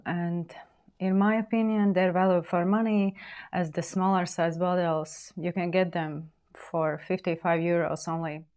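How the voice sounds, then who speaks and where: A woman with a somewhat low voice, made raspy by a cold, talks through perfumes in a relaxed, soft, descriptive way. She sounds like a host speaking straight to her channel.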